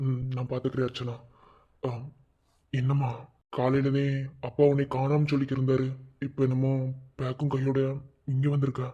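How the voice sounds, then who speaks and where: A husky village uncle. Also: female voice, extremely low pitch, flat delivery, moderate pace, pauses often, warm tone, muffled recording. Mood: concerned. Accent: Madurai Tamil. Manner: soothing, concerned. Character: gentle older village uncle. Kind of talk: cartoon voice acting.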